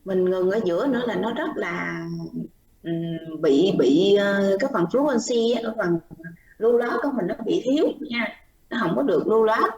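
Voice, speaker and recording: A woman's voice: mid-range voice, animated, normal speed, creaky, a little mellow, muffled recording. A woman teaching pronunciation, patiently explaining errors and repeating words as models. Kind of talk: online class feedback, mixing Vietnamese and English. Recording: roomy, distant mic with faint noise.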